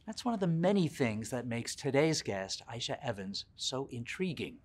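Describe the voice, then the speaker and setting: Animated man in his sixties hosting. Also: mid-range voice, moderate pace. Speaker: interview show host. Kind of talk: scripted introduction and interviewing. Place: indoor office lounge.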